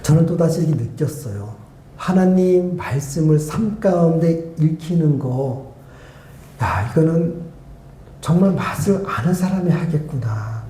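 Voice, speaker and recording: A male guest pastor preaching a sermon and telling a personal story, acting out remembered conversations and moving between loud and hushed speech. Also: fairly high pitch, animated, a little slow, a little hiss or hum. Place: church sanctuary. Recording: echoey church hall.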